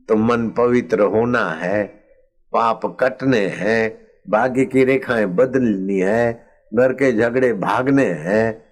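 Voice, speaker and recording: Slow-speaking older Indian preacher. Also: male voice, medium pitch. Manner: slow, chanting refrains and acting out story voices. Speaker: spiritual preacher. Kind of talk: satsang sermon with storytelling.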